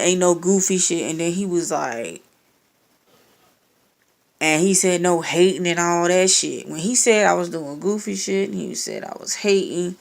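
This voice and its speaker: A woman's voice: lowish voice, vocal fry. A young woman telling a personal story in a casual, profane and sarcastic rant, acting out the exchanges. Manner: profane, sarcastic, animated retelling with quoted exchanges.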